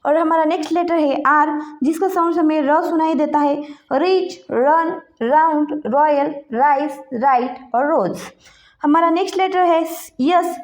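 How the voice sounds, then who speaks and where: A woman teaching an English pronunciation lesson, slowly listing example words one by one. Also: high-pitched.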